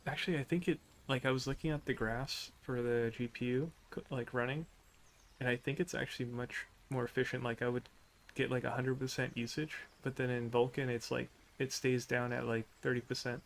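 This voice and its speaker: A man's voice: mid-range voice, flat delivery, a little fast, rough recording. A man chatting casually in a hesitant way, with lots of fillers. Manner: hesitant, filler-heavy, laughs often. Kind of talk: casual chat among people sculpting in Blender.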